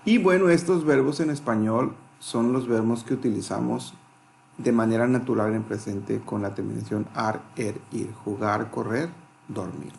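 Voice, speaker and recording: An English teacher gives a grammar lesson explaining rules, going step by step, spelling out letters and translating examples. His medium-pitched voice is gravelly and somewhat dark, with fairly even intonation and a moderate pace. There's slight background noise.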